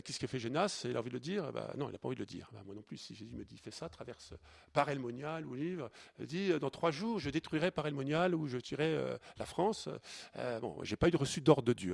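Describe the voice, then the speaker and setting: A man's voice: mid-range voice, gravelly, slightly rough. A male priest giving an informal Lenten teaching to a retreat audience, talking conversationally with many fillers and restarts. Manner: conversational, many fillers and restarts, reads scripture aloud more forcefully.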